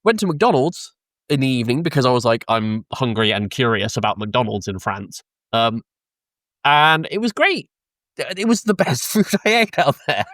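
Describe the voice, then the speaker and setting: A young British man co-hosts a podcast in casual chat, rambling through an anecdote full of swearing, laughter and lots of ums. His mid-range voice is very animated and a bit bright at a moderate pace. The close podcast mic gives a dry, studio-quality sound.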